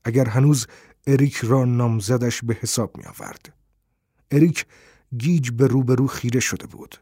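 A man narrating a first-person detective novel in a steady storytelling manner. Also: medium pitch, breathy edge, dry recording, studio quality. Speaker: audiobook narrator.

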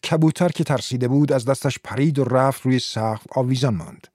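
A man narrating an audiobook in a measured, steady reading. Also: mid-range voice, dry recording, clean studio sound.

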